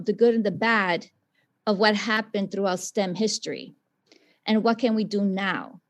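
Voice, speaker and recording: On a webinar panel, a scientist and teacher from the South Bronx, New York, answers with passion and emphasis in her mid-range voice.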